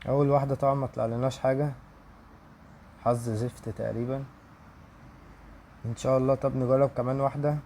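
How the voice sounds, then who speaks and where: A man's voice: mid-range voice, level tone, a little fast, gravelly, long pauses, dark tone, a little hiss or hum. A young man with an Egyptian accent commenting on game pack openings, pleading for good luck and repeating his wishes aloud. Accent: Egyptian Arabic. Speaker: gaming YouTuber.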